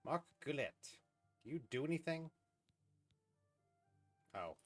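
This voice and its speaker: Animated man chatting over gameplay. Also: fairly high pitch, slow pace, soft background music. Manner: chatty, thinks aloud, trails off mid-sentence. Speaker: streamer. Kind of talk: casual gameplay commentary.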